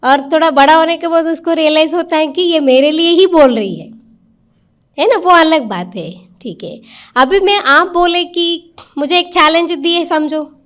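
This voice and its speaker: High-voiced woman coaxing her audience. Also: unhurried. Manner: questions the audience directly, coaxing and conversational. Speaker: spiritual teacher giving a weekly talk. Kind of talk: interactive spiritual talk. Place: meditation centre hall with a live audience.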